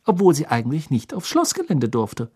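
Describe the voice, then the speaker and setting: Male reader as clever teen girl witch, husky, animated, pushed up high. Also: full character voice. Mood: excited, triumphant. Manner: eager, triumphant, quick-talking.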